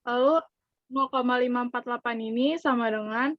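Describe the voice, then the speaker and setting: A young woman, a student on a video call, working through a math problem hesitantly with many pauses and apologies while her audio keeps breaking up. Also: fairly high pitch, fairly even intonation, dry recording. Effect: choppy audio that breaks up over an online call. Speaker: student in an online statistics class. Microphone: laptop on a video call. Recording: dull, dry lo-fi call audio.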